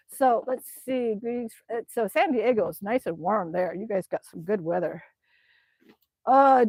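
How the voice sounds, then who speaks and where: A middle-aged Alaskan woman hosts a casual livestream outdoors in the snow, reading viewer comments aloud and chatting back in response. Her voice sits at medium pitch with a darkish tone. The recording is dry and of poor quality.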